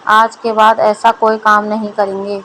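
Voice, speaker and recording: A woman's voice: mid-range voice, level tone, unhurried, a bit bright, a little hiss or hum, natural voice, poor audio. A woman voicing a fearful village wife. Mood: pleading. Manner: anxious, pleading.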